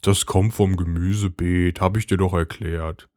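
A man voicing a meek, confused middle-aged husband who speaks hesitantly and tries to calm things down. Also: sits low, measured pace, no echo, clean studio sound. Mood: bewildered. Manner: hesitant, placating. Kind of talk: storybook reading.

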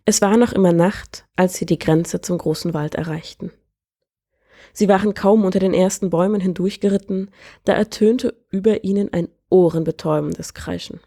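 A woman reading a fairy tale aloud in a calm, measured way as the storyteller. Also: on the low side, no echo, studio quality. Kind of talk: scripted fairy-tale narration.

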